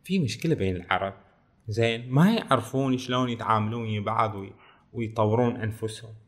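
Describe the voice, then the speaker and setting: A man's voice: fairly low pitch, fast talker. Bahraini man chatting about a book. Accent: Bahraini Arabic. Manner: conversational, explaining a text in dialect with frequent fillers. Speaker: book reviewer. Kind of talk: casual book talk.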